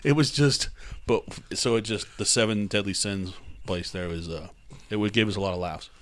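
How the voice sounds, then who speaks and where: A man's voice: deep voice, fairly even intonation, a little fast, fairly bright tone. A man hosting a casual podcast chat among drinking friends, rambling through a story and laughing at it. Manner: rambling storyteller, laughs at his own tales. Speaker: podcast host.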